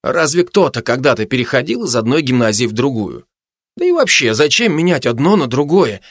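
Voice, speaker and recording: A man voicing Danil, a teenage wizard who speaks calmly, reasonably and logically. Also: mid-range voice, fairly quick, no room sound, clean studio sound. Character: calm, logical young wizard boy.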